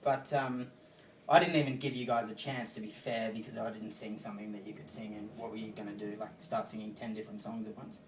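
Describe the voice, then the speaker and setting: An Australian comic with a fairly low voice delivers a quick, flat stand-up set, rambling through a story with fillers and profanity. The sound comes from an audience member's phone: distant, roomy, with faint noise.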